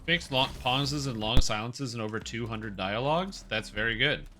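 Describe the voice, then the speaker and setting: A man's voice: medium pitch, normal speed, noisy background. A man streaming a game over a headset mic, chatting casually with viewers and reading patch notes aloud. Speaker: livestreamer. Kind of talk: casual gameplay commentary.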